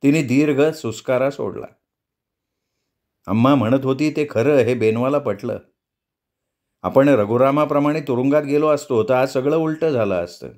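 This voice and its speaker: A man narrating a novel as an audiobook, in a measured, expressive reading. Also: medium pitch. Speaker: storyteller.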